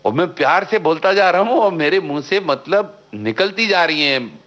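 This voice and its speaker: A man, a filmmaker guest, telling a long anecdote in a radio interview, outspoken and animated, slipping English phrases into his talk. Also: on the high side, normal speed. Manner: animated storyteller, mixes English phrases into Hindi; talkative and outspoken.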